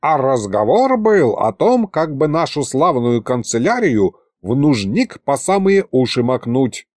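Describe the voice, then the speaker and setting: A man voicing a shrewd, kindly old grandfather who talks slowly in a folksy, coaxing way. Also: mid-range voice, very animated, a little mellow, dry recording, clean studio sound. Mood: confiding.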